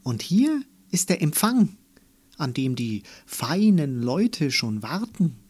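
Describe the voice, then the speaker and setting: A man's voice: on the high side, very animated, takes it slowly, husky, heavily acted. A man voicing a cheerful, eager little girl who talks proudly about her game. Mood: excited.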